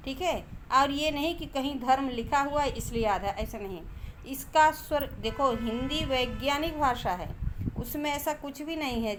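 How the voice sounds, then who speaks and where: Woman teacher, high voice, patient, repeats each point, light hiss behind. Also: a bit bright. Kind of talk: explaining a grammar lesson.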